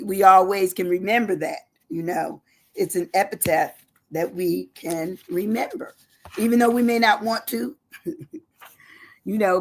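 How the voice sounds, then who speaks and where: A woman's voice: fairly low pitch, vocal fry. A woman giving a casual spoken lesson from home, repeating and spelling out words with chatty asides. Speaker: educator presenting a word lesson. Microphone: live-stream setup.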